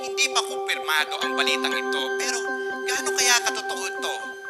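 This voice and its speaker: Teasing showbiz reporter, Filipino accent, high pitch, scripted delivery, prominent music. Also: male voice, big pitch swings, fairly quick. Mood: teasing, intriguing. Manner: insinuating, presentational. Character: gossipy male showbiz news presenter, teasing. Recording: loud music under the voice.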